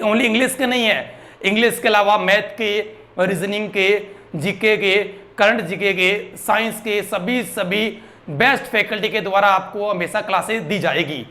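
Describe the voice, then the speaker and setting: A man's voice: sits high, bright, forceful tone. A young man teaching a grammar lesson, asking his students questions and drilling the answers.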